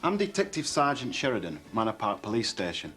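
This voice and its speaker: An actor playing a formal, businesslike police detective making enquiries. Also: male voice, fairly low pitch, very animated, fairly quick, a bit bright, faint music behind. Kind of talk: TV soap acting.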